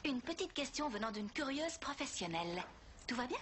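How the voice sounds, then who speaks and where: A woman playing a warm, curious young confidante in a French-dubbed telenovela. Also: high voice, very animated, normal speed, slight background noise. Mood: curious, gentle. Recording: background music under dialogue.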